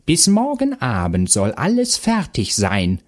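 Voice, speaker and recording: A man voicing a shrieking, bossy old witch in a storybook, giving orders in a shrill, drawn-out voice. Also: huge pitch swings. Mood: commanding. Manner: screeches commands slowly and shrilly. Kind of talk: storybook read-aloud.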